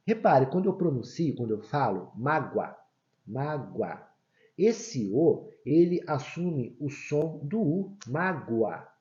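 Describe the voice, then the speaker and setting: Male teacher, mellow lo-fi voice. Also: fairly high pitch, big pitch swings, unhurried, hardly any pauses. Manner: explains patiently with frequent "tá?" check-ins. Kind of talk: online grammar lesson.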